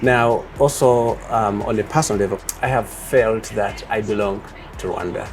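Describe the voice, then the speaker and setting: A man from Uganda answering interview questions as a project leader, speaking in a measured way with many pauses and fillers. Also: on the low side.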